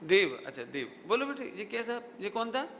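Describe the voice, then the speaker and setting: High, bright-voiced man preaching in an echoey hall. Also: big pitch swings, moderate pace. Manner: drills the audience with repeated rhetorical questions. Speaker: Jain scholar giving a lecture. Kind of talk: sermon with questions to the audience. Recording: echoey hall with faint noise.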